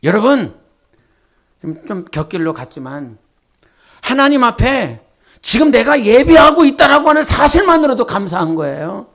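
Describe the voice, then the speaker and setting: High gravelly-voiced man preaching a sermon. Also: very animated, normal speed, fairly bright tone. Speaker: pastor. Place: church sanctuary.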